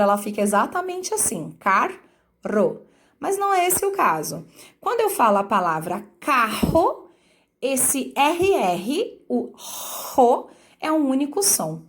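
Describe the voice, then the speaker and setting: A woman teacher with a Brazilian Portuguese accent explaining a grammar lesson to her students. She stretches example words out slowly and keeps checking that they follow along. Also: a little high. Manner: slow, drawn-out sounding of example words. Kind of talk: online class explanation.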